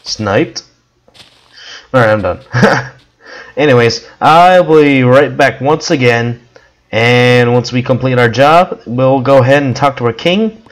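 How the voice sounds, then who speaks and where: A man giving casual gameplay commentary with a hoarse, worn voice, coughing now and then and rambling with many fillers. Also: medium pitch, a little slow, low-quality recording. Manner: rambling, with frequent ums and restarts. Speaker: gameplay video creator.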